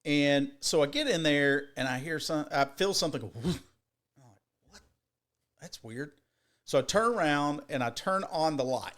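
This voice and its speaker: A man co-hosting a podcast, telling a rambling, profane story in an animated way with many restarts. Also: fairly high pitch, fairly quick. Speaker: podcast co-host. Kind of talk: casual storytelling.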